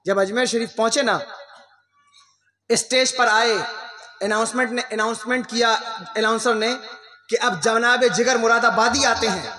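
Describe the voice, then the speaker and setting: A male preacher with a very high, bright, forceful voice delivers an impassioned sermon. He pushes his listeners with rhetorical questions and bursts of exclamation, and his voice rings around an echoey hall. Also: fairly even intonation, pauses often. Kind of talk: religious sermon.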